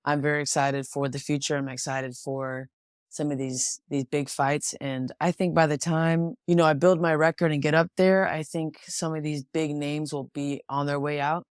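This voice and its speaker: A low, clean-toned voice with little pitch movement and a normal speed belongs to a young American boxer from Washington State who competes professionally. She talks reflectively, with frequent restarts, as a guest in a casual interview conversation, and the clean studio sound carries no room sound.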